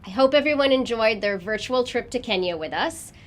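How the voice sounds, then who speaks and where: A woman from a charity's staff giving casual closing remarks in a warm, wistful way. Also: on the high side, expressive, fairly quick.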